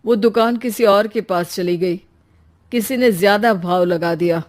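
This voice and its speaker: A man's voice: high voice, unhurried. Man voicing a hot-tempered young husband. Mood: plain. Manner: blunt, irritable.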